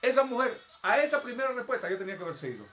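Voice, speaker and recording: High-voiced emphatic male preacher. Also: big pitch swings, racing, a bit bright, a little hiss or hum. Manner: emphatic, addresses the congregation directly; acts out prayers and pleas in a raised voice. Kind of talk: evangelical sermon. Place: church service.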